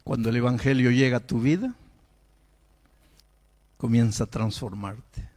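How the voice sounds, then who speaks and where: A man's voice: mid-range voice, unhurried, darkish tone. A man preaching a sermon. He asks rhetorical questions and acts out imagined voices. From Peru. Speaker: pastor.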